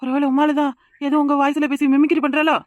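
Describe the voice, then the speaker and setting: Cartoon: woman as a jittery Kanyakumari young wife, high, fast, dry studio. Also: little pitch movement, no room sound, natural voice. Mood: urgent. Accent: Kanyakumari Tamil. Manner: rapid, insistent, pleading. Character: frightened young village wife. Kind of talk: cartoon voice acting.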